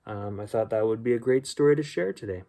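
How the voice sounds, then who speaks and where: A man hosts a children's bedtime story, reading aloud and chatting casually with young listeners in a gentle, homely way. His voice is lowish and gravelly, and he speaks quickly.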